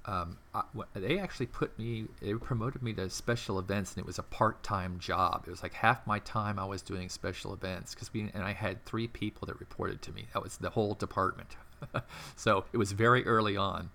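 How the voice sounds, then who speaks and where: Low gravelly man telling rambling stories. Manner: rambling, animated anecdotes with many fillers and restarts. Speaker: interview guest, former theme park entertainment manager. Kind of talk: casual storytelling interview.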